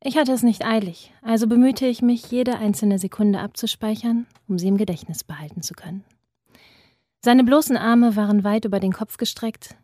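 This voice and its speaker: A woman author and guest, reading aloud from her thriller novel in an even, measured voice. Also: fairly high pitch, dry recording, clean studio sound.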